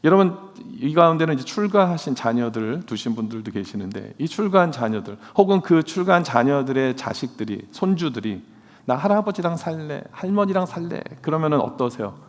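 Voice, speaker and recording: A man's voice: medium pitch, animated, brisk, few pauses. A male pastor preaching a sermon in a church, earnestly asking his congregation questions. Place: church sanctuary. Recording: long church hall reverb.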